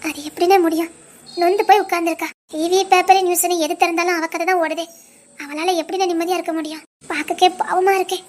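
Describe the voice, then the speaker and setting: A woman's voice: very high-pitched, little pitch movement, quick pace. A woman playing a devoted young wife and sister in a family serial, speaking in an emotional, pleading way with a Tirunelveli Tamil accent. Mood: worried.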